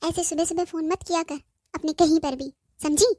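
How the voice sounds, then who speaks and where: A woman's voice: very high voice, steady tone, normal speed, darkish tone, no echo, studio quality. A woman voicing a worried, scolding mother. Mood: firm scolding. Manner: anxious questioning, then firm scolding. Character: worried, scolding middle-aged mother on phone. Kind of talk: cartoon voice acting.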